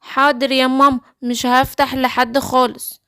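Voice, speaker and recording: Woman playing a naive little gazelle girl, very high voice, Egyptian accent, dry close sound. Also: flat delivery, normal speed, a bit bright, clean tone, no room sound. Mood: obedient. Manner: high, pleading, childlike. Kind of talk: children's cartoon voice acting.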